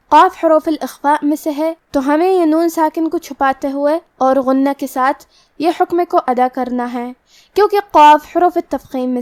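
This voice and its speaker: A woman teaching Quran recitation rules, explaining each word calmly and methodically, then reciting it slowly and drawn out. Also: high-pitched.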